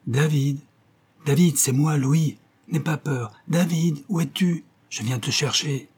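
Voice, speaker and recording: A man's voice: medium pitch, expressive, moderate pace, warm tone, breathy edge, voice pushed up. A man reading an audiobook, voicing a composed doctor who speaks reassuringly and persuasively. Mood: urgent calling. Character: composed male doctor, quietly protective.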